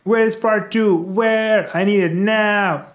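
A man's voice: high-pitched, steady tone, slow pace, a little hiss or hum, voice pushed up. A man with a Pakistani accent voicing blunt, dismissive adult male internet commenters. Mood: snarky.

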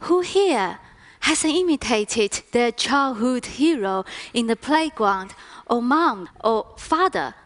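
A woman giving an expressive, deliberate staged talk performance. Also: fairly high pitch.

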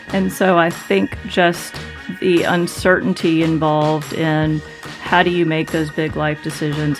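A woman psychologist speaking in an interview clip in a thoughtful, explanatory way. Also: deep voice. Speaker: psychologist guest. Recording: clear music bed under the clip.

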